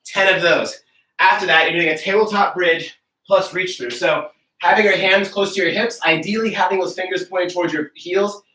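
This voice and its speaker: Young male fitness coach, breathless, upbeat and casual, bright tone, picked up from across a roomy space. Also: high-pitched, steady tone, normal speed. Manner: upbeat, casual, talks while demonstrating. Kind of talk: live online workout instruction. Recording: roomy echo, from far off.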